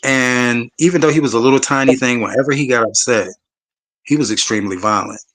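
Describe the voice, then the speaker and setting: A man's voice: mid-range voice, fairly quick, fairly bright tone. Man telling a story, emphatic and profane. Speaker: panelist. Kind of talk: candid storytelling on a panel.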